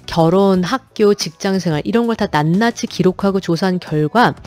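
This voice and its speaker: A woman teaching English pronunciation in a video lesson, explaining patiently and slowly repeating example words. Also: mid-range voice, darkish tone.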